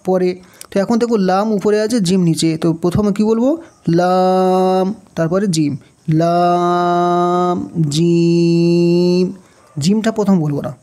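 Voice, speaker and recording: Teaching Quran reading in a Bangladeshi Bengali accent, this man slowly names the letters one at a time and patiently repeats them. He has a high voice with a warm tone.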